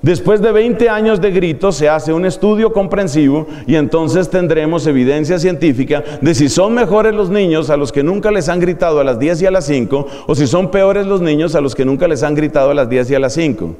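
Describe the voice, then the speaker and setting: High-voiced priest lecturing with irony. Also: male voice, brisk, hardly any pauses, mellow. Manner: ironic, rhetorical questions to the audience. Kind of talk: university lecture. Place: university lecture hall. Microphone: microphone. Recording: long hall reverb.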